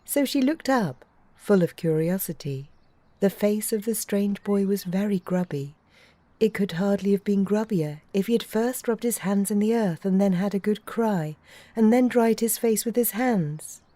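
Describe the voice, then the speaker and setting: Gentle storybook narration by a woman, warm tone, dead room. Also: medium pitch, animated, moderate pace, no echo. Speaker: audiobook reader.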